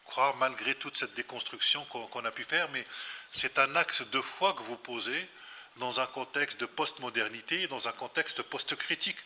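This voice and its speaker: A man's voice: medium pitch, moderate pace, sharp tone. A man speaking as an invited scholar at a public talk, explaining reflectively and didactically, repeating phrases for emphasis. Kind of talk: explanatory spontaneous lecture answer. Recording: reverberant hall.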